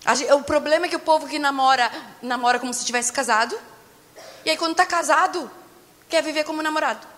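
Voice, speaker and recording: A Brazilian woman in her thirties delivers a sermon in a high, bright voice. She talks directly to the congregation, slowing down to drive her points home. Her voice rings with the long reverb of a large hall. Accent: Brazilian Portuguese. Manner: animated, direct, slows down for emphasis. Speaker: preacher.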